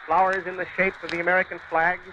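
A man's voice from an old newsreel, narrating in a measured announcer's manner as he lists things. His voice sits fairly high. The sound is muffled and thin, with a clear hiss running underneath it. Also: little pitch movement, pushed and bright. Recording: noisy lo-fi archival newsreel audio.

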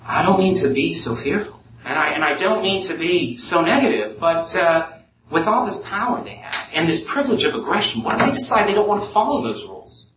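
A man playing a nervous, fearful catastrophizer who keeps raising worried questions, heard from a distance in an echoey room. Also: big pitch swings. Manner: nervous, halting, pitching up with worry. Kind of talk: live speech role-play. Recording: echoey room, mic at a distance, faint noise.

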